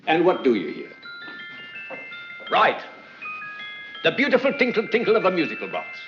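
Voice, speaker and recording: An actor playing a chatty, hustling auctioneer, in theatrical, repetitive sales patter from 1940s film acting. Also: male voice, high voice, wildly swooping pitch, normal speed. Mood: coaxing, hustling. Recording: muffled 1940s film soundtrack, music behind.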